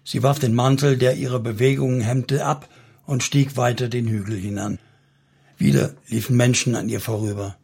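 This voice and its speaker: A man narrating a historical novel as an audiobook in a measured, literary way. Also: mid-range voice, steady tone, gravelly, darkish tone, husky.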